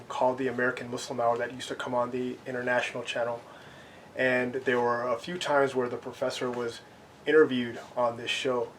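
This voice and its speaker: A man's voice: medium pitch, slight background noise, rough recording. A man introducing himself at a Q&A as a convert, rambling a little with many fillers. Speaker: convert attending a Q&A. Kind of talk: self-introduction.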